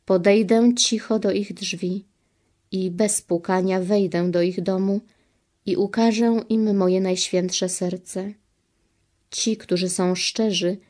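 A woman reading the part of Jesus as a grieving, pleading divine man, solemn and measured. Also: mid-range voice, fairly even intonation, mellow. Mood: tender. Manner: solemn, sorrowful, slow and measured. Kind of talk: devotional reading.

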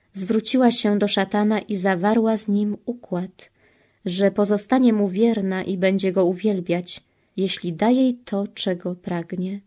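A woman reading the part of Jesus as a grieving, pleading divine man, solemn and measured. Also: mid-range voice, warm tone, close to an everyday voice. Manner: solemn, sorrowful, slow and measured. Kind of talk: devotional reading.

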